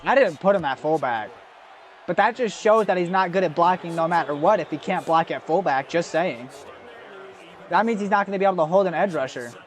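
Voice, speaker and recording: Chatty high-voiced young male streamer. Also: animated, a little fast. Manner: chatty, swears often, greets viewers by name. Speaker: gaming streamer. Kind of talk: casual live gameplay commentary.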